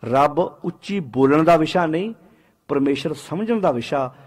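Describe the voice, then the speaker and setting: A man preaching a Sikh sermon, swinging between loud exhortation and low quiet asides, and slowing to chant verses of scripture. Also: animated. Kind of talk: Punjabi sermon with sung scripture.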